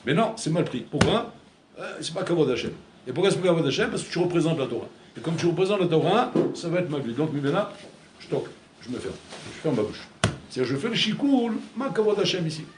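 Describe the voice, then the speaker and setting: A man's voice: on the high side, lively intonation, fast talker. A man giving a Torah class as a rabbi, talking in a conversational way, repeating words and mixing in Hebrew terms. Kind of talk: sermon. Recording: echoey room with faint ambient noise.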